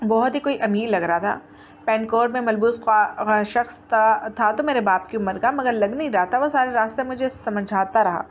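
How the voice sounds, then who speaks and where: A woman reading a first-person story aloud in a plain, steady way, with small restarts. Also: fairly high pitch, a little hiss or hum.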